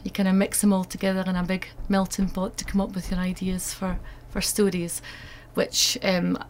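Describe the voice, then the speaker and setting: A woman's voice: medium pitch, completely flat delivery, moderate pace, slight background noise. A woman with a North East Scottish accent, an author answering questions in an interview. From North East Scotland. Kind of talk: interview answers about own work.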